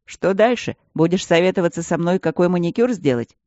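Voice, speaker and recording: A man's voice: sits high, a little fast, a little mellow, dry recording, muffled recording, close to an everyday voice. A reader voicing a man nearly eighty, a cocky, jesting baron who teases a young woman playfully. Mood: teasing. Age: older. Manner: teasing, playful, boastful.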